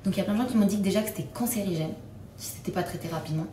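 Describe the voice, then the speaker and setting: A young woman chats to her viewers in a casual, confiding vlog voice and often slips into soft, almost whispered asides. Her voice rings with a strong echo. Loud ambient noise runs behind her throughout. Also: mid-range voice, rapid-fire. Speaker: lifestyle vlogger. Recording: echoey with loud background ambience.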